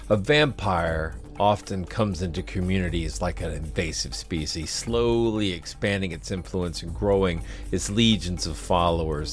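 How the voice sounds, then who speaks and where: A man hosting a podcast, reading scripted narration in a measured, storytelling way. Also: sits low. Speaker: podcast host. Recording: music behind the voice. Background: background music.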